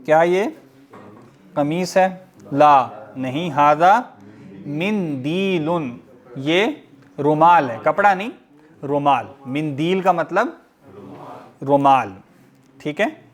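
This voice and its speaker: A man teaching a recorded lesson, reading out words slowly and explaining each one. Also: a little high. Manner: slow and deliberate, reads Arabic words then explains them. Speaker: Arabic teacher.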